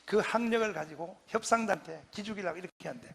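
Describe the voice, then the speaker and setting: A man, a pastor, giving a fiery patriotic lecture, shouting and leading the crowd in chanted responses. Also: high-pitched, fast talker, vocal fry, slightly rough. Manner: acts out quoted voices.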